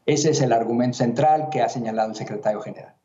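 A man speaking in a measured, official tone, pausing and hesitating as he works through his answers. His voice is dark and mellow at a middle pitch. He is heard over a dull, muffled remote line that sounds roomy. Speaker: interviewee, human rights commission president. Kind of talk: formal remote interview answers.

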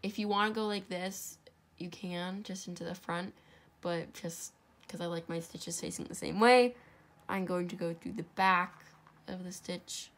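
In an unhurried, steady voice on the low side, a young woman with a sore throat and stuffy, congested sound casually talks through a craft tutorial. The camera sits over a tabletop showing only her hands, and she is chatty and self-deprecating, often dropping to a whisper.

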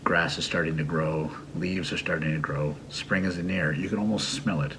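Speaking briskly in a low-pitched, fairly bright voice with fairly even intonation, a middle-aged English teacher and video host runs a casual idiom lesson, explaining things with a teasing streak. He sits at a computer desk in a small home room, with a little hiss or hum audible.

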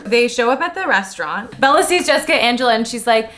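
A woman's voice: on the high side, animated, fast, a bit bright. A young woman co-hosting a casual book-club podcast, laughing often and doing dramatic voices for the characters. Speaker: podcast co-host.

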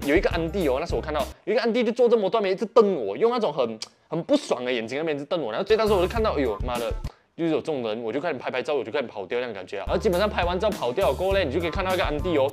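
A young Malaysian man with a Malaysian Mandarin accent, telling a casual story, animated and often asking "you know?". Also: fairly high pitch. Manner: animated, peppered with "OK" and "你懂吗". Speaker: vlogger.

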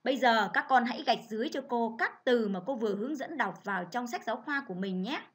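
A woman teacher leads a reading lesson for children. She reads in a clear, measured, instructive way. Her voice sits a little high. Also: expressive. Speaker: primary school teacher.

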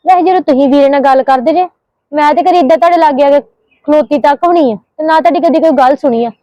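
A young woman playing a sharp-tongued, scheming sister-in-law in a short home drama, talking back indignantly. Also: high-pitched, dry recording, lo-fi sound, natural voice. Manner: rapid, retorting, indignant. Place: home, indoors.

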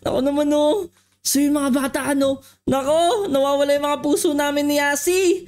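A woman hosting a playful game role-play, talking in an animated, fussy way with lots of exclamations. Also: high-pitched, normal speed. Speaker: channel host and player.

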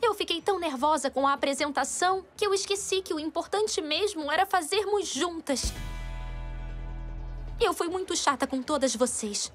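A woman's voice: extremely high pitch, lively intonation, normal speed, faint music behind. A woman with a Brazilian accent voicing a vain, bossy young girl pop star in a cartoon, self-important and dramatic. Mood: apologetic. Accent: Brazilian Portuguese. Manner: self-important, dramatic, whiny when crossed. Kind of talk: animated cartoon dubbing.

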